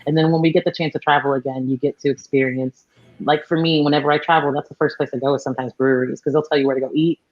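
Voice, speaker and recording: A fairly high-voiced man talks as a podcast guest, eager and rambling with plenty of "like" in his speech. His sound comes through dull and lo-fi, as if over a remote call. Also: flat delivery, rapid-fire. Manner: enthusiastic, explains with many fillers like "like". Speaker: guest, beer tasting tour founder. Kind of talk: casual podcast conversation.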